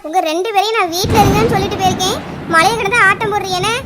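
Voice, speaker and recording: A woman's voice: extremely high pitch, steady tone, heavy background noise. A woman voicing a strict, scolding mother in a cartoon, speaking with a Kanyakumari Tamil accent. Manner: scolding, rapid. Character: scolding village mother Chinnaponnu, anxious and strict. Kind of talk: cartoon voice acting.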